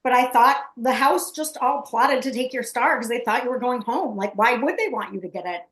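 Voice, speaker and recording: A woman with a fairly high voice talks over a video call, her sound roomy and echoing. She co-hosts a casual recap, opinionated and quick to agree. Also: a bit bright. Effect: heard over a video call. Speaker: aftershow co-host.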